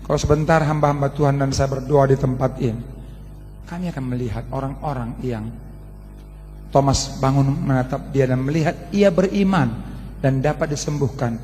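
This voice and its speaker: A man preaching a storytelling sermon, animated and colloquial, often calling out to the congregation. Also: mid-range voice, moderate pace, a little hiss or hum. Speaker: pastor. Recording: long reverb of a large hall.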